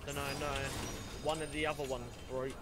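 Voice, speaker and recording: Hesitant gamer buddy on a hissy mic. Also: male voice, fairly high pitch, flat delivery, a little fast. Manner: hesitant, lots of um and like. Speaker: gaming guest who makes videos. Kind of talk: casual gaming chat. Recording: loud hiss from a poor mic.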